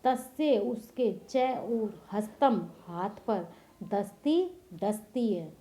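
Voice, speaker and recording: Patient woman teacher, slow and mellow, walking through a text and quizzing herself aloud. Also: medium pitch, lively intonation, low-quality recording. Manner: patient, asks and answers her own questions. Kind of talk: classroom lesson explaining a text line by line.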